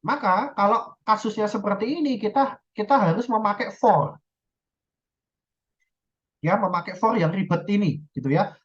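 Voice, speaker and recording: A woman's voice: fairly low pitch, lo-fi sound. A woman lecturer giving a recorded university lesson, explaining step by step, often checking in with the class and correcting herself.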